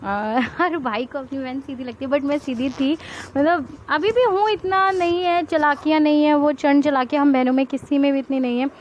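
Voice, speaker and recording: A woman's voice: high-pitched, moderate pace, highs cut off, a little hiss or hum. A young woman, vlogging at home and telling family stories casually, often laughing. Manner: chatty and animated, laughing often. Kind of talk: casual storytelling to camera.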